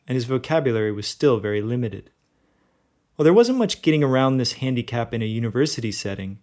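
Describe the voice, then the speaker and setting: Brief: man, podcast co-host, average pitch, wry scripted storytelling. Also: darkish tone. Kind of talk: scripted narration.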